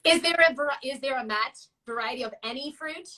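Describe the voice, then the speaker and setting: A woman's voice: high voice, fairly quick, sharp tone, distant mic, low-quality recording. A woman co-hosting a casual chat, talking in a chatty, playful way with laughing asides. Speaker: co-host.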